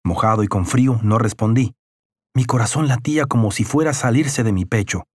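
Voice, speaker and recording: A man reads a first-person audiobook in a measured, somber way. His voice sits at an everyday pitch, and the recording is close and dry with no echo. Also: darkish tone, husky. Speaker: audiobook narrator.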